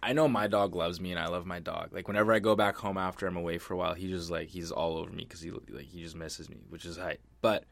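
A man's voice: low voice, fairly even intonation, quick pace, creaky, hardly any pauses. A young man co-hosting a podcast in casual chat, laid-back and profane, often dropping his voice. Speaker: podcast co-host.

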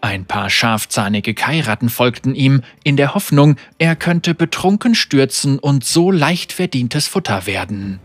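A man reading an audiobook story as narrator, with measured, vivid storytelling. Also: mid-range voice, animated, no echo, faint music behind. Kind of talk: scripted narration.

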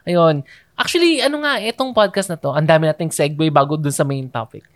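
Chatty Filipino podcast co-host. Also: male voice, fairly high pitch, animated, a little fast, dry recording. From Philippines. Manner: chatty, mixes English into Tagalog, many fillers and restarts. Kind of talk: casual podcast chat.

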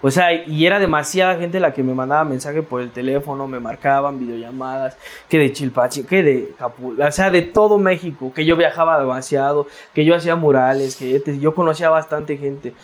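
A man's voice: fairly high pitch, fairly quick. A Mexican man talking casually as an interview guest, slangy, with many restarts and tag questions. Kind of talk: casual reflective interview talk.

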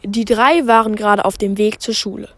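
A woman's voice: mid-range voice, steady tone, brisk, a bit bright, slight background noise. A woman narrating and hosting a homemade fan story in a plain storybook manner. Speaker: narrator and host.

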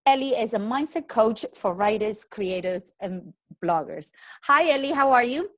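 A woman's voice: a little high, animated, normal speed. A woman hosting a podcast, chatting upbeat with her guest and often restarting her sentences. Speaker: podcast host. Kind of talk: casual interview.

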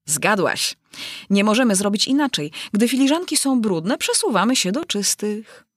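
A woman's voice: mid-range voice, sing-song, normal speed, no echo, studio quality, pitched above the performer's own voice. A woman voicing a whimsical, rambling male hatter at a tea party in a storybook reading. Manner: rambling, sing-song.

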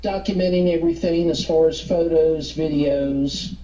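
A man calling in as a guest over a speakerphone, answering questions in a hesitant, halting way with many fillers. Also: on the high side, fairly even intonation, warm tone. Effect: speakerphone call. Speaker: phone-in guest, paranormal investigator and author. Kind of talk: casual interview answers. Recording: muffled echoey speakerphone line.

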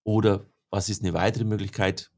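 A man's voice: lowish voice, normal speed. A man working as a speaker coach, explaining his points in an interview and often ending with a questioning "ne?". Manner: lively explaining, tag questions. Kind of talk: interview answers.

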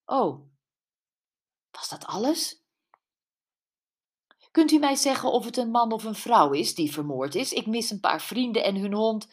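A woman voicing an eager, nosy middle-aged amateur sleuth who fires excited questions. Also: on the high side, a little slow, pauses often, breathy edge, pitched above the performer's own voice.

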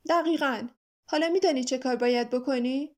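A woman voicing a stern, impatient male watchdog with a ticking clock for a body, talking in a brisk, scolding way. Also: high-pitched, animated, a little mellow.

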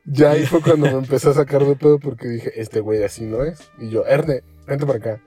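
In a casual podcast chat, a young man with a Mexican Spanish accent tells an animated story, acting out the quotes and using lots of slang. His mid-range voice is husky and fairly quick. Faint music plays behind him.

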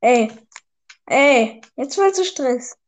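High-voiced woman in gaming chat. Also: expressive, drawn-out words. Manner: slangy, teasing, laughs often. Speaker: gamer.

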